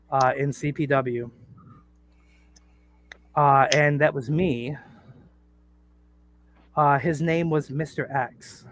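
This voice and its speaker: A man's voice: mid-range voice, slight background noise. A man chatting casually on a podcast, rambling with lots of "uh" and "like". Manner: rambling, fills with "uh" and "like". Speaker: podcast cast member. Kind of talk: casual chat.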